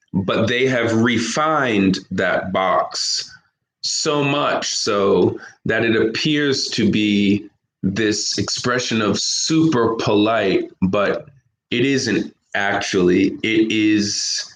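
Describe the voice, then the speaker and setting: A man's voice: on the low side, fairly bright tone, slight background noise. An American man talking straight to camera in an opinionated monologue, emphatic, repeating his key phrases and listing words one at a time. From United States. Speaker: vlogger. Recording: roomy echo.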